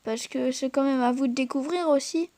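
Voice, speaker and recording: Brief: high-pitched woman host, casual gameplay commentary, hesitant and filler-heavy, talks straight to viewers. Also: moderate pace, mellow. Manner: hesitant, full of fillers and restarts; chatty, addresses viewers directly. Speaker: gaming channel host.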